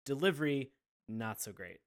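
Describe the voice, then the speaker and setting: A man's voice: mid-range voice, animated, moderate pace. A man chatting casually and comedically as a podcast panellist, rambling along and acting out imagined dialogue.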